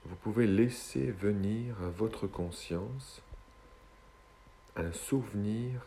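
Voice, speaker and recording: A male hypnotist leads a guided relaxation in a deep, soft-toned voice. He speaks very slowly and soothingly, leaving long pauses between short phrases. A faint noise sits behind the voice.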